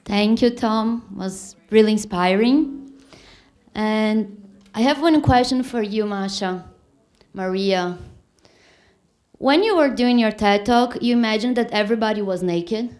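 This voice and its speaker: A woman's voice: medium pitch, a little slow, darkish tone. Teasing woman asking a question.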